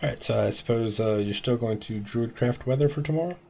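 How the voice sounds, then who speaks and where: A man narrating a tabletop game as game master, conversational and halting as he thinks aloud. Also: medium pitch, vocal fry, warm tone, a little hiss or hum.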